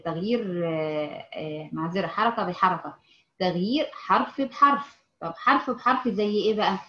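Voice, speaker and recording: A woman with an Egyptian Arabic accent teaching Quran recitation in an informal lesson. She repeats her points patiently, asks her students to respond and slows down to recite example verses. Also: mid-range voice. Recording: echoey, muffled audio.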